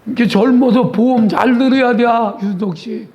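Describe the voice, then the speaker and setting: In a church sanctuary, a pastor with a Chungcheong dialect preaches in a folksy way, teasing congregation members by name. His voice is very high-pitched and a little mellow, and he keeps a moderate pace.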